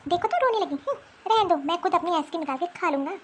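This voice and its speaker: A woman's voice: very high-pitched, lively intonation, fast, a little hiss or hum. A woman voicing a spoiled boy who orders his sister around in a cartoon story. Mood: bossy. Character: bossy spoiled young boy.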